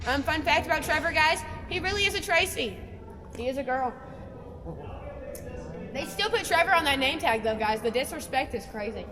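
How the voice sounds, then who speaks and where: A woman's voice: sits high, expressive, normal speed, pauses often, crowd noise. A young woman giving a chatty, casual guided tour, speaking inside a cave with a long echo. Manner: chatty, addresses the group as guys. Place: inside a large cave, on a boat on an underground lake. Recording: echoing cave with long reverb.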